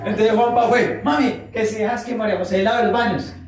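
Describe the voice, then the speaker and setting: A man preaching a sermon, animated, acting out quoted voices and drawing out phrases for emphasis. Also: high-pitched, a little fast, a crowd in the background. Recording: echoey room, voice from far off the mic.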